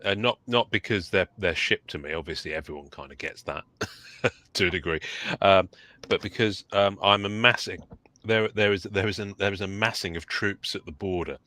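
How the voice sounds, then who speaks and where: Low-pitched and pushed bright, the voice belongs to an English podcast co-host speaking at a moderate pace. He jokes and chats casually on a live stream, still a little throaty as he recovers from a cold.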